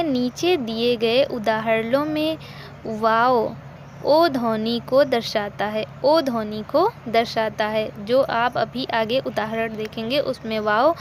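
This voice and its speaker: A woman teaching a recorded language lesson, explaining slowly, repeating examples and asking questions she answers herself. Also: on the high side, slight background noise.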